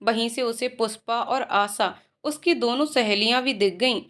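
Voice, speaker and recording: A woman narrating a moral storybook tale with steady, emotive reading. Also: fairly high pitch, normal speed.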